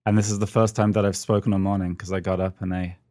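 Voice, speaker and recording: Speaking fast in a low, mellow voice with little pitch movement, this middle-aged man from the United Kingdom co-hosts a podcast via remote call. His talk is casual, full of ums, and marked by dry humor at his own expense. No echo is audible.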